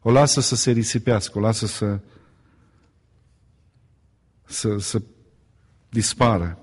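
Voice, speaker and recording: A man's voice: on the low side, steady tone, breathy edge. Guy preaching a sermon, keeps asking the crowd questions, lots of echo from the hall. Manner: rhetorical questions to the congregation, emphatic repetition. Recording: long hall reverb.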